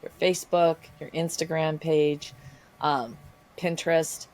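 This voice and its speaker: Woman, podcast host, low voice, affirming, interview wrap-up. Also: steady tone, unhurried, a little mellow. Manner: affirming, wraps up with thanks. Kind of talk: interview hosting.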